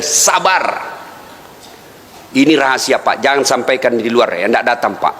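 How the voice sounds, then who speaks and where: A man's voice: high voice, sharp tone, a little hiss or hum. A male Islamic preacher gives a humorous sermon to a live audience, telling stories in a jokey way and often laughing. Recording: reverberant hall, faint ambience.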